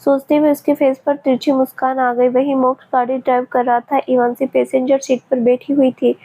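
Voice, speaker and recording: High, flat-voiced woman reading a story. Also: brisk. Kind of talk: read-aloud story narration. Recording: tinny phone-like sound.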